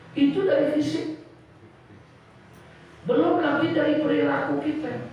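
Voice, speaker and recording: A man's voice: very high-pitched, a little mellow. A male preacher gives a casual sermon, quizzing his listeners and acting out voices. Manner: asks the congregation questions, acts out voices. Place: prayer room. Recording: echoey, dull, from far off.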